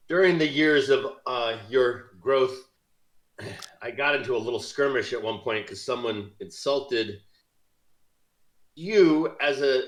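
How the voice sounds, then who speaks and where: A man describes his knight character to the table, hesitating and filling pauses as he goes. His voice sits at a middle pitch and rings in an echoey room. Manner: hesitant, many fillers and laughs. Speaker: player.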